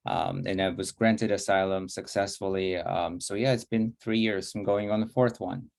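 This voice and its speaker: A man's voice: deep voice, fairly even intonation, normal speed, gravelly, darkish tone. A young man from Moldova, introducing himself on a panel with frequent hesitations. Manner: hesitant, many fillers.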